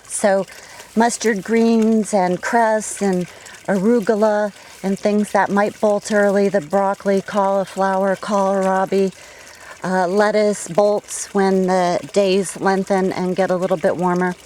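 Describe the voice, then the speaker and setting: Her mid-range voice moves little in pitch and comes out slowly and a touch mellow, with faint background noise on a rough recording. She's a gardening vlogger outdoors among her plants, slightly out of breath, sharing casual, practical advice full of fillers.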